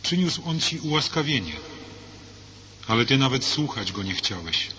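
A man's voice: medium pitch, very animated, normal speed, pushed and bright. A man voicing a matter-of-fact male prison guard, in a read-aloud story. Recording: dull lo-fi with faint hiss.

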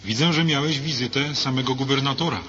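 Matter-of-fact guard, guy reading, bright voice, bit hissy. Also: mid-range voice, brisk, pitched above the performer's own voice, natural voice. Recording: dull lo-fi with faint hiss.

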